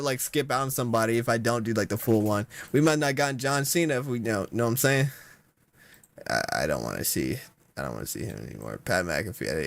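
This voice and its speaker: Slangy young man, lively and exasperated. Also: medium pitch, gravelly, no room sound. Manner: slangy, exasperated, breaks into loud outbursts. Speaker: content creator. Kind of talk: casual reaction commentary.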